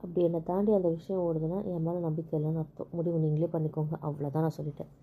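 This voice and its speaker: A woman talking with her husband in a casual couple conversation, explaining things patiently and calmly. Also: sits low, rapid-fire, narrow, tinny audio, a little hiss or hum. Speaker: wife.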